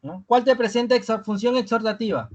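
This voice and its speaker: Lo-fi audio carries a teacher's medium-pitched voice through a live online review class. Almost every phrase ends in a questioning "¿no?", and the key words are repeated slowly to drive them home.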